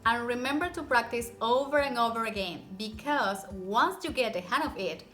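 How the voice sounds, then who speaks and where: A woman teaches pronunciation to camera in an encouraging, step-by-step lesson, demonstrating rolled and tapped r sounds through repeated example words. Her voice is fairly high and a bit bright, at a moderate pace, over soft background music.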